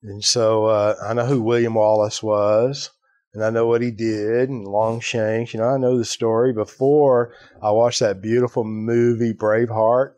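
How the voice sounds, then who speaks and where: Casting: male podcast host, lowish voice, chatty storyteller, dry close sound. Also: flat delivery, normal speed, darkish tone, no room sound, highs cut off. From Ireland. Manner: storytelling, acts out quoted voices, fillers like "right?". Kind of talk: casual conversation.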